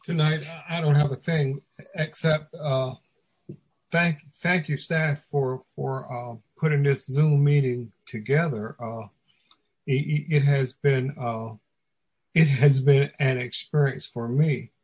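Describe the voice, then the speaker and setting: A man council member speaks slowly and haltingly at a meeting. He repeats words as he feels his way through short remarks. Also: mid-range voice, steady tone, a little mellow.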